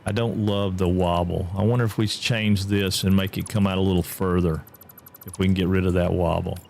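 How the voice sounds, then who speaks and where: A man's voice: a little fast, creaky, a little hiss or hum. A man from Georgia with a Southern accent, chatting casually while live-streaming a game and answering chat. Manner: chatty, drawling, reads chat aloud, jumps high when excited.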